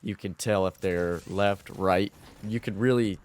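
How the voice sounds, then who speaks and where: A man's voice: low voice, steady tone, a little slow, darkish tone. A man recording gameplay commentary early in the morning, with a groggy morning voice, talking in an easygoing, chatty way. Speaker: gaming video creator.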